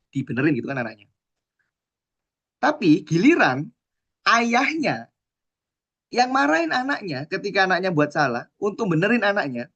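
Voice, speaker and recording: A man's voice: on the high side, lo-fi sound. A man gives a sermon. He tells stories with energy, acts out the lines of the people in them and asks his listeners questions. He sounds like a preacher in his thirties. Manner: lively storytelling preacher who acts out quotes and asks the audience questions. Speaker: Islamic preacher.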